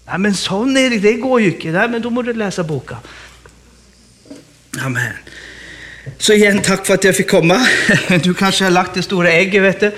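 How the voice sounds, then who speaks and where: Male guest preacher, high-pitched, animated sermon delivery full of exclamations and laughter. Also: pauses often. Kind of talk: lively sermon.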